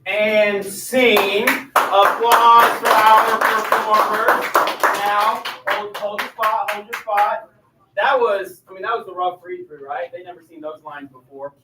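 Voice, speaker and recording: A man's voice: high voice, steady tone, normal speed, heavy background noise. Upbeat male teacher running a class skit, echoey room, mic kinda far off. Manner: upbeat, prompting and directing students. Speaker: teacher directing a class role-play. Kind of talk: classroom coaching.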